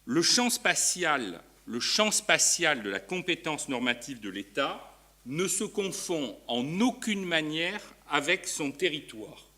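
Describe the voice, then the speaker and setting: A man's voice: fairly high pitch, sing-song, a little slow, pushed and bright. A man giving an academic conference talk as a law professor, hesitant, with frequent fillers and restarts. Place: university lecture hall.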